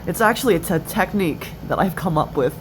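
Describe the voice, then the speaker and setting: Halting young woman with a slight stutter. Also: on the low side, lively intonation. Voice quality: occasional stutter. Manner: halting, broken-up phrases with pauses. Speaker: person sharing experience of stuttering in a video. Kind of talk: personal confessional talk. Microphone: cell phone. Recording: noisy cell phone recording.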